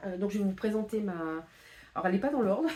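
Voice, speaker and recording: A woman's voice: medium pitch, animated, fast, warm tone. A woman chatting casually to camera about her reading plans, with many fillers and restarts. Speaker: book vlogger.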